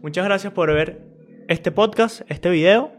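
A man's voice: high-pitched, unhurried. Venezuelan man laughing through commentary. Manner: laughing, animated, slangy storytelling. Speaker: video commentator. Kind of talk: casual reaction commentary.

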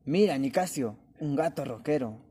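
A man's voice: mid-range voice, animated, moderate pace, mellow, husky. A man voicing a dim-witted, fretful dog in a children's audio story, whiny and easily startled.

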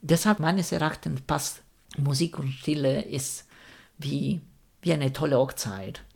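A man from Rome answers interview questions in German with an Italian accent, thinking carefully, searching for words, and using non-native grammar. His fairly high voice is husky and a little mellow, with vocal fry and a slightly slow pace.

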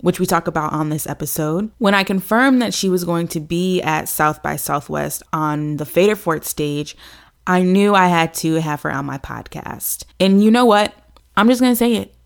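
A woman's voice: lowish voice, normal speed, gravelly. A woman hosting a podcast gives a chatty, upbeat intro to the episode. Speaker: podcast host.

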